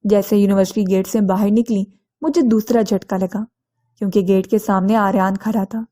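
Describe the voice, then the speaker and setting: A woman narrating a first-person story in a steady, earnest scripted reading. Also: mid-range voice.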